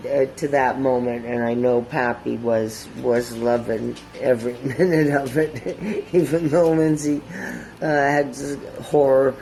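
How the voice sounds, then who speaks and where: A man giving a fond, halting message, pausing often with fillers. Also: medium pitch, steady tone, a little mellow, faint music behind, poor audio. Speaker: family member giving well-wishes. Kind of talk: casual heartfelt message.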